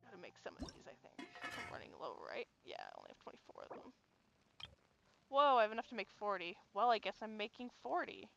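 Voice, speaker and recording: A woman in her twenties chatting casually on a gaming stream, talkative and quick to laugh, filling her talk with "like". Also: medium pitch, wildly swooping pitch, gravelly, over music. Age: 20s. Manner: chatty, laughs easily, lots of "like".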